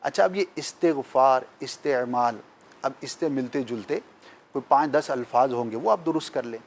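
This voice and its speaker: A man appearing as a guest on a talk show lectures patiently, using emphatic examples to explain his points. His voice is mid-range, with a little hiss or hum in the recording.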